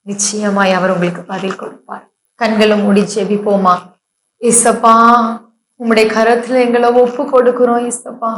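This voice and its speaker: A woman's voice: medium pitch, flat delivery, moderate pace, reverberant, rough recording. A woman preacher giving a devotional sermon, earnest and pleading, speaking straight to her listeners.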